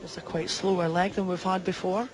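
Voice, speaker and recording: A woman's voice: fairly low pitch, flat delivery, fairly quick, darkish tone. A woman co-commentating live on darts, giving conversational, emphatic analysis. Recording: busy crowd behind commentary. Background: darts crowd.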